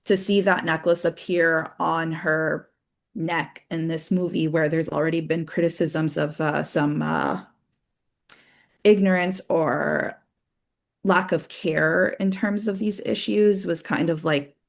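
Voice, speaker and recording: Low, creaky-voiced woman in casual commentary. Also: steady tone, slow. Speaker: podcast co-host. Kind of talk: casual talk, commentary on culture news.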